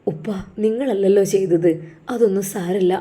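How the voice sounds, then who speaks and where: A woman voicing a calm, kind young religious scholar who reassures a grieving father. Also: medium pitch, moderate pace, natural voice. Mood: reassuring.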